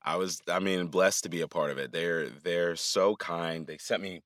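Deep, bright-toned man in casual chat. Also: moderate pace, no room sound, clean studio sound. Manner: relaxed, rambling, many restarts and fillers. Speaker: voice actor guest.

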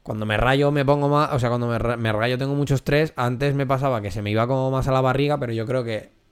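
A man's voice: mid-range voice, steady tone, fast, clean tone. A man chatting candidly on a podcast, swearing often and restarting his sentences as he goes. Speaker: podcast co-host. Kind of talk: casual podcast chat.

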